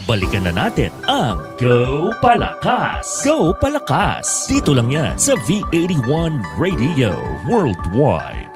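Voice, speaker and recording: Lively man reading a promo. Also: a little high, takes it slowly, few pauses. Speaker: station announcer. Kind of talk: radio promo read. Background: music bed.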